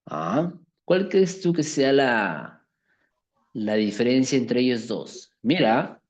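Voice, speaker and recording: A man's voice: mid-range voice, very animated, slow pace, a little mellow. A man teaching a class, explaining an exercise step by step and often checking that students follow. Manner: keeps checking understanding with tag questions.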